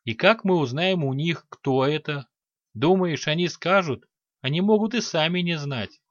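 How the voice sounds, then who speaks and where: A man's voice: on the high side, animated, a little slow, no room sound, highs cut off. Brief: male reader as a skeptical elf, fantasy storybook.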